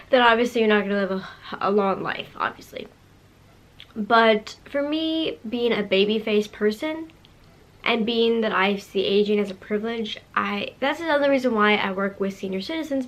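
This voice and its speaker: A woman in her late twenties talking casually to her viewers in a bubbly, sassy way, full of fillers and restarts. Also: medium pitch. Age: 20s. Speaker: vlogger. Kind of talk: casual talk to camera.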